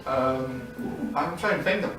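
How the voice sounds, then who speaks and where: A man's voice: mid-range voice, a little slow, fairly bright tone, slight background noise. A man playing the game and commenting with dry, sarcastic jokes. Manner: wry, sarcastic, laughs often. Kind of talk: casual gaming chat. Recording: very echoey room, distant mic. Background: faint game music.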